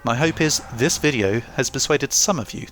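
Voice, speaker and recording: A man's voice: medium pitch, normal speed, a bit bright, faint music behind. A young man reading a scripted game review with dry, self-mocking humour. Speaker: gaming YouTuber.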